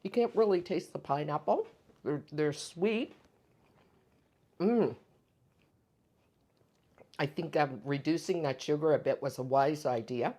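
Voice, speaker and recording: A woman with a low voice hosts a casual home baking video. She talks in a relaxed, chatty way, thinking aloud with little fillers and tasting her bread between sentences. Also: moderate pace, long pauses. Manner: tastes food while talking. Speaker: home baking channel host. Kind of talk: casual cooking vlog.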